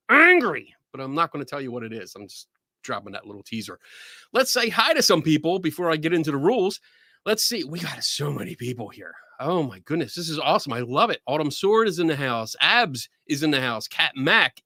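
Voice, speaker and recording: An excitable man with a Philadelphia accent chats casually as host of a live show. His voice sits on the high side and swings widely in pitch. It has a bright, forceful ring. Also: no room sound, studio quality. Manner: excitable, laughs often, cheers. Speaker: podcast host. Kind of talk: casual livestream chat.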